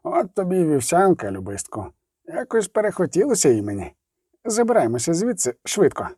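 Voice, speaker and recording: A man voicing a gruff, bossy male gnome leader in a storybook reading, with a blunt, folksy way of giving orders. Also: a little high, very animated, fairly quick, dark tone, no room sound, studio quality. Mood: grim. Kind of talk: audiobook character reading.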